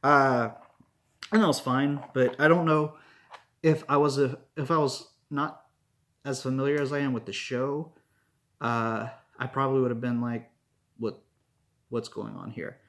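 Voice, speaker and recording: A man's voice: medium pitch, steady tone, moderate pace, a bit bright. Guy rambling thru a review, lots of likes and ums, regular mid voice. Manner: rambling, lots of fillers and restarts. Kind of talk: casual spoken review.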